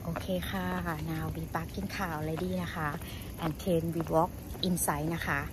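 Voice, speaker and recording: A middle-aged woman with a Thai accent, a native Thai speaker, chats casually to camera in halting, simple English sprinkled with Thai particles. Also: low voice, little pitch movement, recorded from a distance. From Thailand. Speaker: vlogger. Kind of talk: casual vlog chat to camera. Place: moving car, then street and busy club. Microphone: handheld camera or phone at arm's length. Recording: noisy car and outdoor ambience, off-mic.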